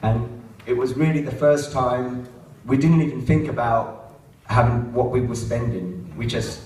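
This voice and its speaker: A man's voice: medium pitch, fairly even intonation, a little slow, a little mellow, a little hiss or hum. Enthusiastic man in a roomy hall. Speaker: event speaker. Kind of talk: testimonial speech at an event. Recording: echoey hall, distant mic, faint crowd.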